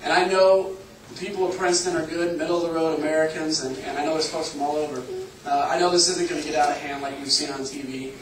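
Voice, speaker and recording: A man in his thirties from Illinois, a congressional candidate, talks fast in a flat voice on the high side as he gives an earnest, conversational campaign speech at a town hall. The public meeting room is echoey, the mic is distant, and there's faint ambience and a noisy background.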